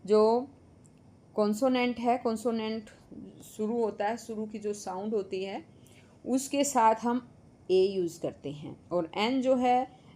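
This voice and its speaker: A woman's voice: a little high, dark tone. A woman teacher explaining a grammar lesson to children, reading English sentences aloud and explaining them patiently in Hindi. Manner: patient, slow and repetitive, addresses the children directly.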